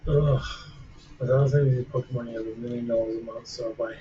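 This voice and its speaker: A man from Australia chatting casually while gaming, using a deliberately posh voice. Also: mid-range voice, fairly even intonation, warm tone. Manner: puts on a posh voice, laid-back chatter with laughs. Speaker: streamer. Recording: dull lo-fi stream audio with clear background noise.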